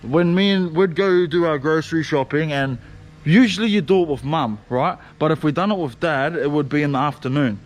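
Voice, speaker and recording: A man's voice: on the high side, a little fast. A young man telling stories in a casual, slangy vlog, swearing and laughing often. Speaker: vlogger. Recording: faint background noise.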